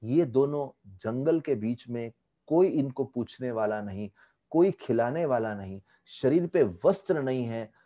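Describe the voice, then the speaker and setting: A man telling a devotional story as a spiritual teacher, animated, with English phrases mixed in, speaking on an online video call. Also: medium pitch, measured pace.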